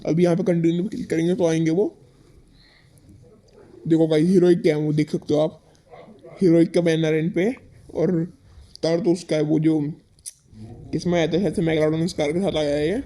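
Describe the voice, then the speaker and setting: A young man giving excitable live commentary over his own game, calling his viewers "guys" again and again. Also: on the high side, brisk, pauses often. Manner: excitable, fills every phrase with "guys". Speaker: gaming YouTuber.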